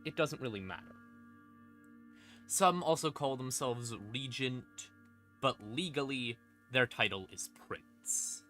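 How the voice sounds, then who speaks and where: This streamer, a man with a medium-pitched, sharp voice, speaks slowly but with plenty of animation. He unpacks lore casually and without a script, irreverent and freely swearing, while ambient music plays beneath him.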